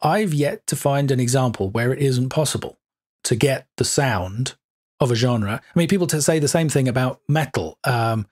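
A man's voice: medium pitch, moderate pace, a little mellow. A man hosting an interview podcast, chatting with hesitations and filler words. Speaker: podcast host. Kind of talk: conversational interview.

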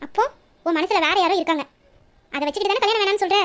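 A woman voicing a pushy young best friend, very high voice. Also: very fast, noisy background. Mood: coaxing. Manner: insistent, probing questions. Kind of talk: audio story reading.

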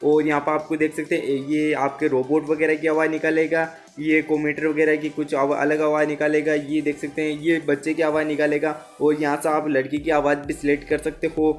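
An Indian man hosts a casual how-to voice-over in a fairly high-set voice. He talks straight to the viewer, going step by step and circling back over his phrases. Light music plays behind him. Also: completely flat delivery, fairly quick, few pauses. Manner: repetitive, instructional, addresses viewers directly. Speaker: tech tutorial host.

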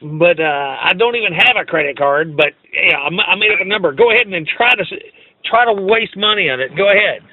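A man's voice: sits high, lively intonation, brisk, dry recording. A man taunting a caller in a phone conversation, mocking and insulting, often restarting his phrases. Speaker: prank call recipient. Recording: dull, dry lo-fi call recording.

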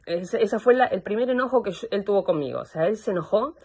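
A young woman with an Argentine accent gives personal testimony over a video call, halting and searching for words. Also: mid-range voice, expressive, darkish tone, breathy edge. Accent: Argentine Spanish. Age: young adult. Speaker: complainant in a psychological assessment.

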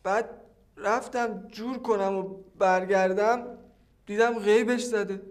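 A man's voice: high voice, fairly even intonation, lightly acted. An actor playing an evasive man being questioned, who answers hesitantly and backtracks.

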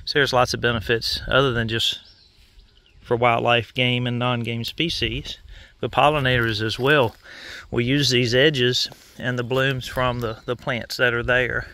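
A man giving a relaxed, rambling outdoor walkthrough of woodland, pausing with fillers. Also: mid-range voice. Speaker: interviewer and narrator. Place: outdoors in pine woods.

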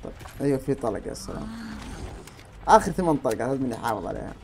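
Fast-talking excitable gamer man. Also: medium pitch, slight background noise. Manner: excitable, talks to himself and viewers, shouts at enemies. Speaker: gameplay streamer. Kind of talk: casual gameplay commentary.

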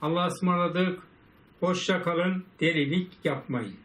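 A man's voice: a little high, unhurried, a bit bright. A man hosting a repair vlog in casual chat, exasperated and grumbling as he talks to himself and his viewers. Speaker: repair video host. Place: home repair workshop.

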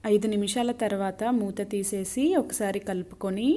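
A woman hosting a cooking channel, calmly talking through a recipe step by step. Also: mid-range voice, normal speed. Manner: calm step-by-step instructions. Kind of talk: voice-over recipe narration.

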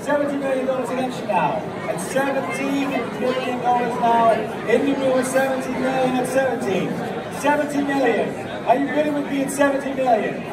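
Male auctioneer, rapid bid calling, distant echoey hall, loud crowd. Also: extremely high pitch, heavy background noise. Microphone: PA speakers heard from a phone in the crowd. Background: loud excited crowd.

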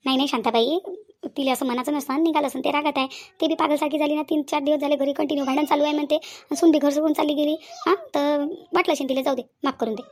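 Woman voicing squabbling village aunties in a cartoon, high voice, rattles off accusations super fast. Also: fairly even intonation. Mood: aggrieved. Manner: shrill, accusing, bickering. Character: quarrelsome middle-aged village women, bickering. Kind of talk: cartoon voice acting.

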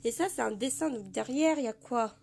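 A woman with a hoarse voice from a cold, gushing and rambling with many fillers as she shows off her collection in a casual vlog. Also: a little high, a little fast, darkish tone. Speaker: vlogger showing her collection. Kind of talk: casual show-and-tell. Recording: noticeable background noise.

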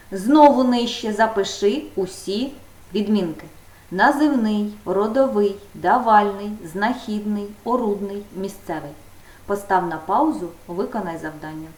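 A woman teaching a primary school grammar lesson, dictating slowly and stretching out the key words for the pupils. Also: medium pitch, darkish tone, distant mic. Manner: slow, drawn-out emphasis on case questions. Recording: echoey room, voice from off-mic.

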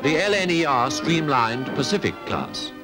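Man, old newsreel narration, declamatory, lively intonation, music behind. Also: on the high side, normal speed. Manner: crisp, declamatory announcing.

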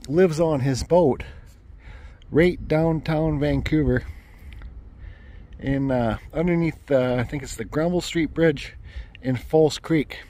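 A man with a fairly high, warm voice chats casually to the camera while he drives, recorded on a phone mounted on the dashboard. Faint car noise runs beneath his rambling, self-correcting talk, which includes the odd swear word.

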